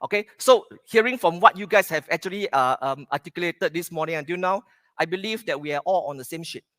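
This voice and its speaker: A middle-aged man from Singapore with a Singaporean English accent, giving a keynote at a conference, pausing with "okay" between points. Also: a little high, a bit bright, no echo. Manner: plain, repeats "okay" to pace points. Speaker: conference speaker. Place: conference hall stage.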